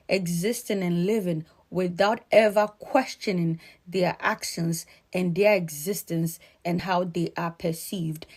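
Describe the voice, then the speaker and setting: A woman from Ghana with a Ghanaian accent, giving earnest, emphatic spoken commentary in a measured way. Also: on the low side, darkish tone.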